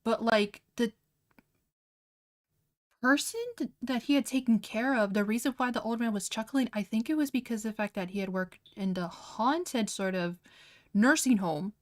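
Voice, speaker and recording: A young woman with a high, light voice talks casually to her livestream audience while drawing. She fills her sentences with "like" and giggles often. Her reactions are animated and full of disbelief. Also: normal speed. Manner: giggly, laughs often, heavy use of "like". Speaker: art streamer.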